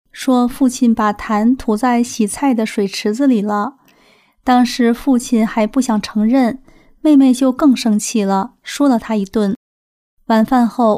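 A woman reading a first-person account aloud as scripted narration, calm and even. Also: a little high. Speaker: reader.

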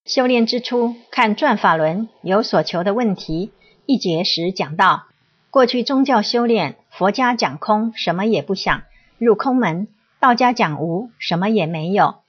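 Husky woman reading a reflection. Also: medium pitch, lively intonation, measured pace. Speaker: reader of a spiritual reflection. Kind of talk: read-aloud reflective essay. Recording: dull lo-fi recording.

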